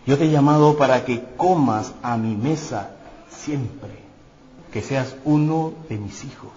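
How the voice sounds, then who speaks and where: A pastor acting out King David as a merciful warrior king, making booming, reassuring declarations in an echoey church hall. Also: a little slow, darkish tone, dull audio, slight background noise, lightly acted.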